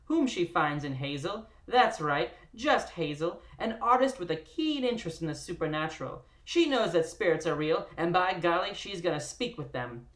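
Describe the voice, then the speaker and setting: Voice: mid-range voice, animated, normal speed, few pauses, fairly bright tone, reverberant, close to an everyday voice. Host putting on a theatrical 1920s radio announcer. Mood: dramatic. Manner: theatrical, punchy announcer delivery. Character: old-timey 1920s radio announcer narrator.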